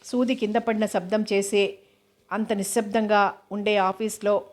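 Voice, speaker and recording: A woman narrates a novel aloud in a flat, level voice. Her pitch sits at the middle of the range and hardly moves. She reads with a steady, even storyteller's pace. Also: measured pace. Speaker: audiobook narrator.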